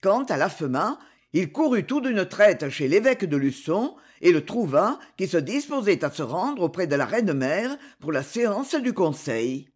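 A man's voice: sits high, sing-song, normal speed, slightly rough. A man narrating a historical adventure novel in a dramatic, theatrical way.

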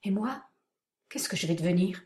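A woman reading aloud voices a tender, pleading young woman in soft, trembling, half-whispered tones. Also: medium pitch, moderate pace, natural voice. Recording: roomy echoing room.

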